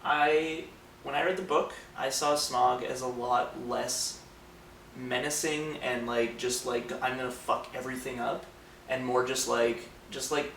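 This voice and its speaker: A man's voice: mid-range voice, steady tone, slow pace, creaky, fairly bright tone. Rambling male podcast co-host, roomy. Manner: rambling, lots of fillers. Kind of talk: casual film discussion. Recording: roomy, distant mic, faint noise.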